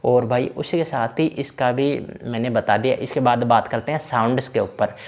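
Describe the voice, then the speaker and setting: A man's voice: medium pitch, normal speed. A man giving a casual, chatty walkthrough of a truck driving game's settings, talking the viewer through each option. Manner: chatty, repeats fillers like "na" and "bhai". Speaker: game tutorial creator. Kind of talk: casual screen-recorded game walkthrough.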